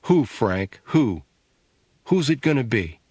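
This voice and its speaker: A man voicing a sharp-tongued, sarcastic adult sister, needling and scornful, in an audiobook. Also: medium pitch, very animated, slow pace, slightly rough, no echo, exaggerated voice.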